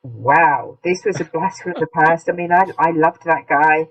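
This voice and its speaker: A woman's voice: low voice, flat delivery, normal speed. A woman co-hosting a casual podcast, giggly, candid and chatty. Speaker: podcast co-host. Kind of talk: casual chat. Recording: dull lo-fi sound.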